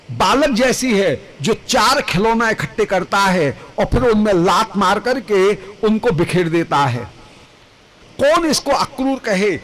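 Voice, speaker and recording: A male devotional storyteller preaching a sermon, chanting Sanskrit verses with drawn-out, emotive phrasing. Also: high-pitched, fairly bright tone, poor audio.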